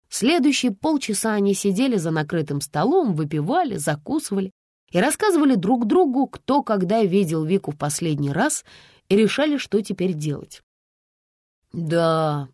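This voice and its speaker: A woman narrating a story aloud in an expressive storytelling style. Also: medium pitch, dry recording, studio quality. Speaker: audiobook narrator.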